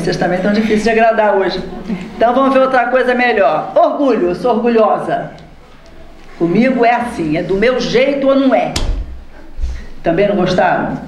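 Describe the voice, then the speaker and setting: A Brazilian woman leading a spiritist study talk to a group, lively and teasing her listeners with questions. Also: fairly high pitch, slight background noise. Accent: Brazilian Portuguese. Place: spiritist center hall. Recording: roomy hall with faint ambience.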